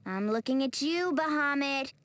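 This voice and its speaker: A woman's voice: high voice, expressive, normal speed, a bit bright, a little hiss or hum. A woman voicing a strong-willed young heroine in a video game, plain-spoken and commanding but caring. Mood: firm, rallying.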